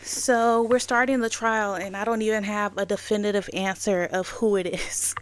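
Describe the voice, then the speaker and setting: A woman's voice: medium pitch, steady tone, moderate pace. A woman giving casual let's-play commentary as she plays a video game. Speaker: gamer playing and commenting.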